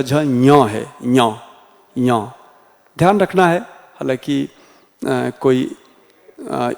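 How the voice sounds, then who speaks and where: Slow-spoken male Hindi teacher, reverberant room. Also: medium pitch, darkish tone. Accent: Rajasthani Hindi. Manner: slow, deliberate, spells out each letter sound. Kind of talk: classroom lecture.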